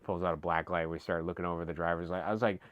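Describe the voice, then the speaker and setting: A young man with a very low voice talks into a dry, close streaming mic. He rambles through casual stories, laughs easily and swears freely. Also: level tone, rapid-fire, no echo, dull audio. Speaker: streamer host. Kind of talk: casual chat.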